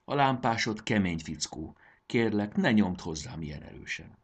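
A man's voice: lowish voice, lively intonation, slightly rough. A man voicing a friendly giant lizard-bird steed that talks in a playful, good-humored way in a storybook reading.

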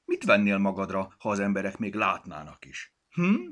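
A man voicing a cheeky male talking coat button in a children's storybook, teasing and quick to take offense. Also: lowish voice, huge pitch swings, fairly bright tone. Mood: huffy. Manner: teasing, touchy.

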